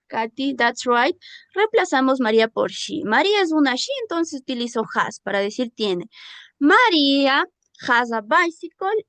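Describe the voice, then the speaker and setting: Female teacher, Peruvian accent, slow and patient, repeats examples, high voice. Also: fairly bright tone, no room sound. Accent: Peruvian Spanish. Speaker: English teacher. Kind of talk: classroom lesson. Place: school class session.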